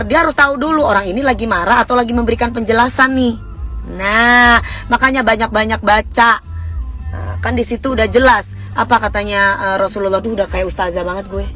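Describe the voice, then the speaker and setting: This is a woman in her thirties with an East Javanese accent, chatting live with her viewers. She talks emphatically and fervently, in a fairly high voice. Her words come out with energy and force. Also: pushed and bright. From East Java, Indonesia. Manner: emphatic, fiery and fast, self-described as fervent. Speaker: livestream host answering viewers. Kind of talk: casual livestream chat.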